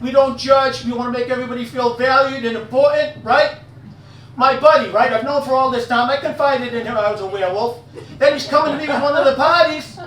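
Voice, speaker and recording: This male comic has a very high, somewhat bright voice and speaks fairly quickly. He's doing live stand-up as a werewolf, cracking crude punchline jokes, working the crowd and laughing at his gags, recorded from afar in an echoey room.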